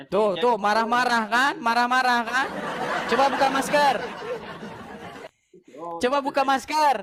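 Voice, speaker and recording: A woman hosting a livestream debate, speaking in a teasing, calmly provocative way with frequent laughs. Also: on the high side, measured pace, crowd noise.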